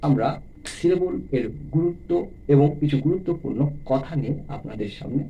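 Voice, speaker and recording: Man teaching syllables, slow, dull audio. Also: on the high side, animated. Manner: explains step by step, stretching and tapping out words slowly. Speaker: English pronunciation teacher. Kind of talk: classroom-style video lesson.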